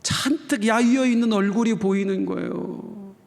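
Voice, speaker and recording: A man preaching a sermon as pastor, telling a story with emotion and voicing the characters with sudden loud outbursts, in a church sanctuary. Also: high voice, moderate pace, vocal fry. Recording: long reverb of a church hall.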